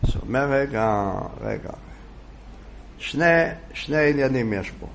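A man teaching a religious lesson through a lively retold story, slipping into the voices of the people in it. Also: medium pitch, a little hiss or hum. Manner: animated storyteller, acting out the quoted voices. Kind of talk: sermon storytelling.

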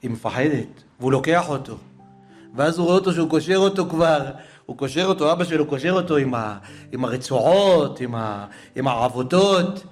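A male preacher tells a story in a sermon, emotive and expressive. His voice sits slightly higher than most men's. It sinks to near-whispers at the saddest points and climbs again with fervor, with faint music behind him. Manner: emotive, swinging between hushed and raised.

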